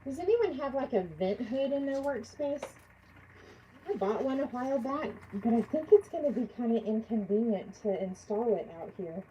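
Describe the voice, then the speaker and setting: A woman's voice: on the high side, expressive, moderate pace, mellow, slight background noise, rough recording. A woman chatting casually during a live craft stream, congested from allergies, thinking aloud and answering viewers by name. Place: home craft workspace.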